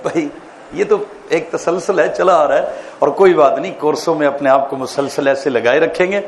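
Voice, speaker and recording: A man, a mufti, giving an animated classroom lecture on public speaking, quizzing his listeners and telling jokes. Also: a little high, slight background noise. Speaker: mufti teaching a course. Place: lecture hall.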